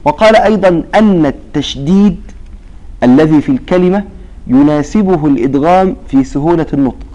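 In a lesson on recitation rules, a man with a fairly high, dark-toned voice prompts his students with half-finished questions. He stretches out example words slowly, and the audio sounds dull.

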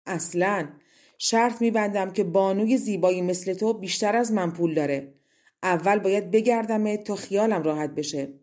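A woman's voice: medium pitch, close to an everyday voice. A woman voicing a greedy, scornful old crone who walks with a cane and mocks as she talks. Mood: grumbling. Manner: mocking, grasping, sharp-tongued.

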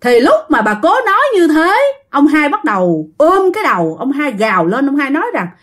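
A woman's voice: high-pitched, sing-song, fairly quick, a bit bright. A woman with a Southern Vietnamese accent telling a ghost story in a chatty way, talking straight to her listeners. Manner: addresses listeners directly, chatty. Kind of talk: casual ghost story narration.

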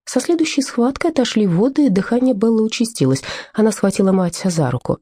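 A woman narrating a memoir audiobook in a measured, even storytelling manner. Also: fairly high pitch, husky, no echo.

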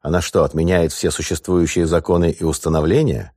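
A man's voice: low-pitched, flat delivery, brisk, a little mellow, slightly rough, no room sound, studio quality. A man doing a stiff, dignified tsarist general. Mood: guarded. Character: proud older man, a tsarist general under interrogation.

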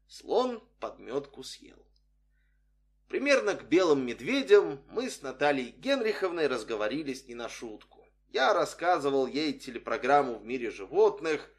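Male narrator, humorous story, scripted reading, dry wry delivery, lively pitch movement. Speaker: audiobook reader.

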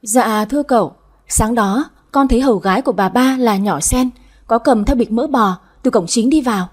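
A woman's voice: on the high side, moderate pace, a little mellow, lightly acted. A woman reading a humble male servant. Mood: deferential. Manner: deferential, polite.

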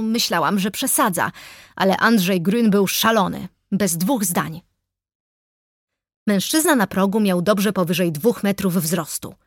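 A woman narrates a first-person audiobook at a mid pitch, measured and wry. The recording is close and dry, with no room echo at all. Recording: dry close studio sound.

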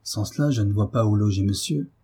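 A man voicing a gentle, patient young wife who speaks softly and pleadingly, in his own reading voice. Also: lowish voice, a little fast, breathy edge. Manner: soft, pleading.

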